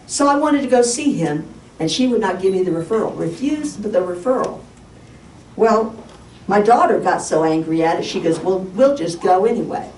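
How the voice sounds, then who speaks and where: A woman pastor preaching a sermon as a personal story, animated and acting out the dialogue. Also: lowish voice. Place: church sanctuary. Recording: echoey church from far off, faint hiss.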